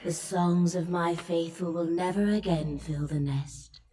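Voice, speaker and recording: A solemn sky goddess played by a woman speaks in a low, lofty goddess voice, measured and regal. She sounds set back from the microphone, with game music playing behind her grave, maternal fantasy lines. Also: fairly even intonation, dark tone, distant mic, close to an everyday voice. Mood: grave, sorrowful. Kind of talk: fantasy video game voice acting.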